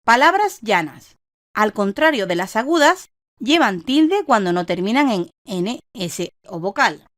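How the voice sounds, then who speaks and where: A woman reading a scripted instructional lesson in a measured, didactic way, stressing each example word. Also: a little high, very animated, a bit bright, no room sound, clean studio sound. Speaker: online course narrator.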